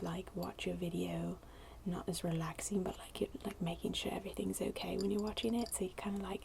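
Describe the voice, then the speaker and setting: With a voice on the low side, a woman talks to viewers in a casual, hesitant ASMR chat, barely above a whisper and very soft and breathy. The ASMR creator is indoors at a wooden table, her close voice overlaid by clicky tapping and scratching of fingernails on a glass bottle.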